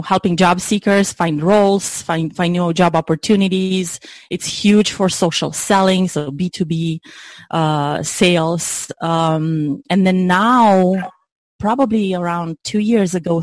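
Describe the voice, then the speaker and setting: A woman's voice: lowish voice, dry recording. A woman, chatting as an interview guest, laughing easily and restarting her sentences. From Romania. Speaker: guest, LinkedIn branding consultant. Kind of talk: casual interview chat.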